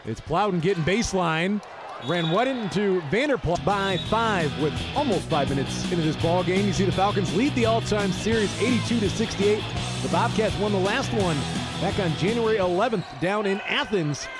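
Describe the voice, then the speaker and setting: A man giving fast live basketball commentary as play-by-play announcer, with clipped, urgent calls. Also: sits high, over loud music. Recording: noisy arena with crowd behind. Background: crowd and bouncing basketball in arena.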